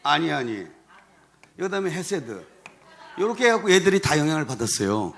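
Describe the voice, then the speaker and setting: Male lawyer addressing a rally; high-pitched, very animated delivery, chuckling asides, rambling. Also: brisk, gravelly. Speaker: lawyer speaking at a church rally. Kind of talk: animated storytelling speech to a crowd.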